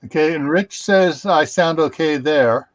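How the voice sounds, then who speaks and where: A man's voice: on the high side, a little slow, no room sound, muffled recording. A man hosting a casual livestream, rambling with many fillers and restarts, speaking over a video call. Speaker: livestream host.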